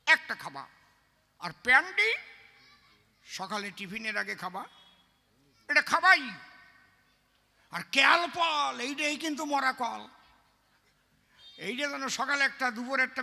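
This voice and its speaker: A man voicing a village doctor who gives slow, measured instructions about medicines. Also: very high-pitched, creaky, bright, forceful tone, heavily acted. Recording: long reverb.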